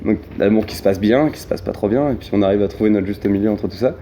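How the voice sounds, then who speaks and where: A man's voice: fairly low pitch, quick pace, mellow, a little hiss or hum. A man with a Parisian French accent chatting casually as an interviewed singer, often hesitating and repeating words. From Paris region, France. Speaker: pop singer being interviewed.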